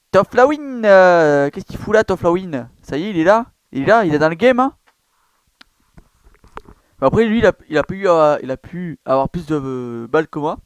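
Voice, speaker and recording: A man's voice: on the high side, clean tone, dry recording. A man casually walking viewers through a gaming site, rambling with many fillers and self-corrections. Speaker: gaming YouTuber. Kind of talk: casual screen-recorded walkthrough.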